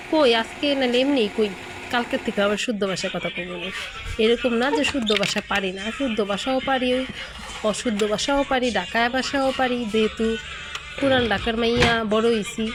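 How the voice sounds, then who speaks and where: A woman with a Munshiganj Bengali dialect chats casually to her viewers as a cooking vlogger. Her voice sits a little high, and she keeps asking whether they follow. The home video recording has clear noise behind her. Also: brisk. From Bangladesh.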